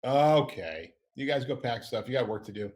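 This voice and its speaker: A man's voice: mid-range voice, expressive, moderate pace, a little mellow. Middle-aged guy hosting a chatty podcast, rambly and upbeat, keeps fixing what he just said. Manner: rambling, self-correcting, upbeat. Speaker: podcast host. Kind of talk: casual chat.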